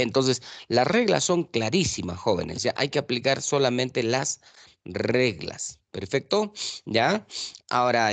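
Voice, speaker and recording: A man lectures students in an online class, his pitch rising and falling with a lively swing. He lays out rules patiently and keeps checking that they follow along. The sound is dry and close, with no room echo. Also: creaky. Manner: explains rules slowly, checks with students constantly. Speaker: teacher.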